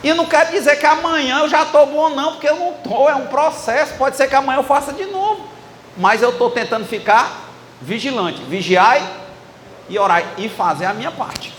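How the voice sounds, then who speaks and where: A man's voice: very high-pitched, brisk, fairly bright tone, a little hiss or hum. A man in his thirties with a Ceará accent, preaching in a chatty way and acting out little dialogues with the congregation. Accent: Ceará, Brazil. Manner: conversational, acting out dialogue with the audience. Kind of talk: sermon. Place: church hall with live audience. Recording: echoey hall with faint ambience.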